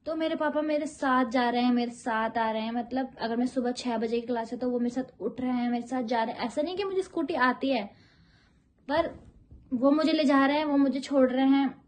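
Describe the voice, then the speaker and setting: A young yoga teacher born in India speaks to her viewers in a casual, personal way, her voice sitting a little on the high side. She loops back on her words and repeats phrases as she goes. The recording sounds muffled.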